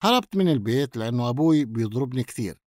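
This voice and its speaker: A man's voice: medium pitch, animated, racing, no room sound, studio quality, natural voice. A man voicing a hungry runaway teenage boy in an audiobook, speaking timidly and pleadingly with a Palestinian Arabic accent. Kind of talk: audiobook character dialogue.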